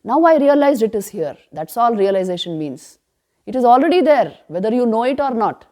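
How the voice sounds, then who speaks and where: A woman giving a spiritual retreat class on scripture, emphatic, asking rhetorical questions and answering them, and chanting verses slowly. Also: a little high, very animated, mellow. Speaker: spiritual teacher.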